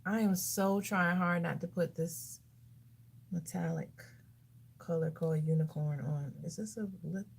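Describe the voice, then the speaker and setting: A woman's voice: on the low side, steady tone, a little slow, creaky, breathy edge. A woman beauty vlogger chatting casually while doing her makeup, talking to herself and throwing sassy asides to viewers. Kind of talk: casual get-ready-with-me chat.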